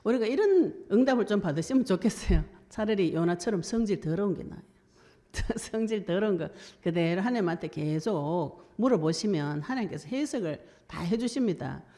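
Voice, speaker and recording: Woman, preacher, sermon, colloquial storytelling, warm and relaxed tone. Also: medium pitch, brisk. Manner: colloquial storytelling, acting out quoted voices.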